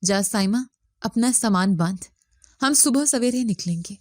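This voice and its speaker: A woman's voice: medium pitch, animated, a little mellow, no echo, clean studio sound, close to an everyday voice. A woman voicing a stern, harsh village father who scolds his daughter.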